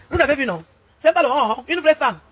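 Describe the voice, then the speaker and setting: A woman's voice: high-pitched, lively intonation, normal speed, slight background noise. A woman, hosting a live stream and ranting in a boastful, taunting and mocking way. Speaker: social media influencer on a live stream. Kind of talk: insulting live-stream rant. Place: at home with her partner.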